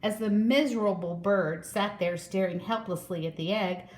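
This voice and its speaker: A woman reading a children's story aloud in a slow, expressive way. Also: mid-range voice. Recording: echoey room.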